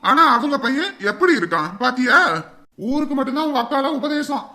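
Man voicing a cartoon husband, bullying and scornful, rapid-fire delivery, sharp bright tone. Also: very high-pitched, sing-song, exaggerated voice. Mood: sneering. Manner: scornful, mocking, threatening. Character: bullying short-tempered husband and father.

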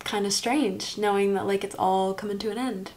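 Young American woman, early 20s, medium pitch, bubbly sorority-girl chattiness, casual bedroom vlog delivery. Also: steady tone, moderate pace, darkish tone. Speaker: college student vlogger. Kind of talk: casual get-ready-with-me vlog chat. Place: small bedroom, indoors. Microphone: camera-mounted shotgun mic, close by.

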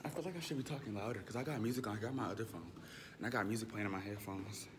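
A man's voice: on the low side, racing. A young man, a student in his late teens, vlogging at school with a handheld camera, mumbling and swearing to the viewers. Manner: profane and mumbling to camera, loud and rowdy with friends. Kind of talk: casual vlog. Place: school hallways and rooms, indoors. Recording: noisy school with crowd chatter. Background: students chattering and ambient noise.

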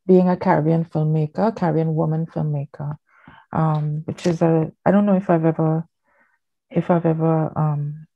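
An older woman from Trinidad, her voice deep, creaky and mellow, gives a rambling, chatty workshop talk full of fillers. She's in her living room on a home video call, picked up by a laptop webcam, and the audio has a dull, lo-fi quality.

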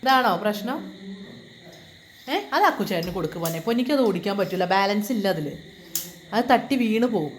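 Fast-talking mother, coaxing. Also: mid-range voice, animated, a little hiss or hum. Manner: coaxing, affectionate, sing-song toward the children. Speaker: mother filming her children. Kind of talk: casual home vlog, talking to her kids. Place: family home, indoors.

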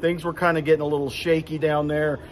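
Talking fast with a flat delivery, a man in his fifties with a slightly high voice rambles through a casual postgame recap, full of fillers and restarts. He stands beside the rink in an indoor hockey arena, and his arm's-length phone camera carries a little hiss or hum.

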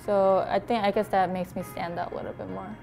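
A woman's voice: medium pitch, a little fast, creaky, faint music behind, poor audio. Chatty young woman, laughing guest. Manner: relaxed, chatty, laughs often, lots of "like". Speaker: guest, mukbang video creator. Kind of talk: casual interview chat.

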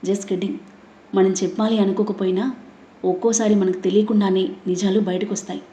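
Brief: woman reading a calm, scheming young man for an audiobook. Warm tone, echoey space. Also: medium pitch, moderate pace, natural voice. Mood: cool. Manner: calm, cool. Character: cool calculating young man.

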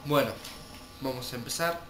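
A man's voice: mid-range voice, moderate pace, heavy background noise. A young man with a Rioplatense Spanish accent, stuffed up with a cold and cough, giving casual, slangy gameplay commentary. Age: young adult. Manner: foul-mouthed, slangy. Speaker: gaming video host. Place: indoor room at home. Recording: roomy echo, loud game music. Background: loud game music.

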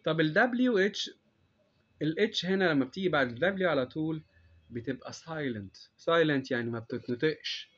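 A man with an Egyptian Arabic accent teaches an English lesson to children, patient and unhurried. He draws out each English word slowly so it can be repeated. His fairly high voice comes through a dull, muffled lo-fi recording. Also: lively intonation. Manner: slow and patient, drawing out English words. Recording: dull lo-fi sound.

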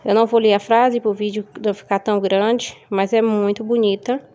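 Chatty Brazilian woman, mellow voice. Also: mid-range voice, little pitch movement, moderate pace, muffled recording, a little hiss or hum. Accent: Brazilian Portuguese, São Paulo. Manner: chatty, addresses viewers as gente, upbeat. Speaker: vlogger selling gift kits. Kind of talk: casual show-and-tell vlog. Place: home.

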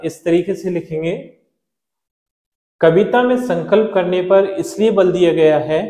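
Guy teacher going over school questions with kids, high voice, echoey room, slow and patient. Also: dark tone. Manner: patient, repeats and spells out words slowly. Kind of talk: explaining a school lesson to children.

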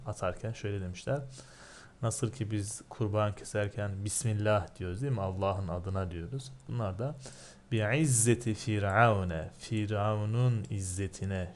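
Reading a religious text one word at a time, a Turkish-accented man translates and explains every word in a line-by-line lesson. His voice sits on the low side and sounds a little mellow, with slight background hiss or hum.

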